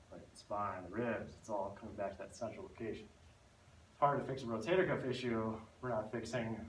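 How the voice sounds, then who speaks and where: Man coaching a spine class in an echoey room. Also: lowish voice. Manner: explanatory, demonstrating while talking. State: out of breath. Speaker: instructor. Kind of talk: fitness class instruction. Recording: echoey room, mic far off, faint noise.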